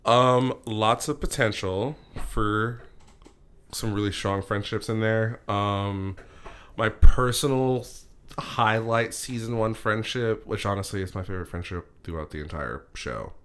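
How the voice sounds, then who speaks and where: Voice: mid-range voice, a little slow, fairly bright tone, clean tone. A podcast host in a casual chat who rambles through recommendations with lots of fillers.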